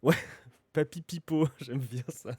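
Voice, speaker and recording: A man's voice: mid-range voice, slow pace, darkish tone, slightly rough, no room sound. Jokey man in a dry-sounding room. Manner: jokey, thinking aloud with repeated words. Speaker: tabletop role-play player. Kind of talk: casual game chat.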